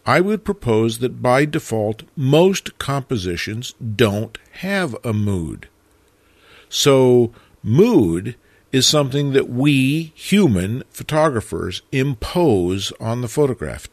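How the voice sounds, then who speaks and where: A man narrating a photography lesson in a measured, reflective way, stressing key words. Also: mid-range voice, dry recording. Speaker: photography teacher. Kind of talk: scripted narration.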